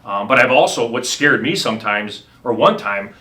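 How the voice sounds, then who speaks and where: A middle-aged man with a bright, forceful voice tells his stories as a home inspector. He rambles, pauses on ums and restarts his sentences in loose conversation. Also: mid-range voice, expressive. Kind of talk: casual storytelling.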